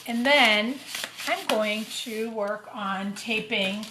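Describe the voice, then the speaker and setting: A teacher with a voice on the high side leads a casual craft demo for small children, explaining every step slowly as she goes. The room echoes, and background noise and clatter are clearly audible.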